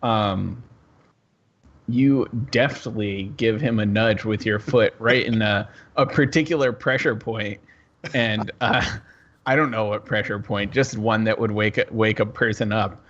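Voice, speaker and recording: Low-voiced man narrating as game master. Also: fairly bright tone, muffled recording. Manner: loose, descriptive narration.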